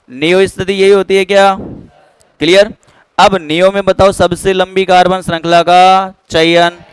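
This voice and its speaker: A man's voice: sits high, clear, resonant tone, dry recording, poor audio. A man teaching a chemistry class, who keeps checking whether students have understood. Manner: keeps quizzing students with "clear?". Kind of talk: classroom lecture.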